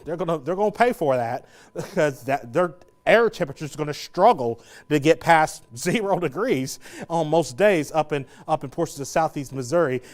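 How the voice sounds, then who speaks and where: A man, a TV meteorologist giving a live weather forecast in a chatty, joking way, slightly out of breath. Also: fairly high pitch. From Southern Indiana. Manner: chatty, jokey, laughs between points.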